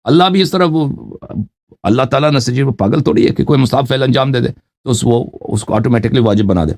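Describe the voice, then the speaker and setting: A male religious scholar lecturing at a middle pitch. He reads out passages in a slow, deliberate cadence, then argues his point with firm emphasis. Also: gravelly, darkish tone. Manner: quotes texts slowly then explains them, argumentative.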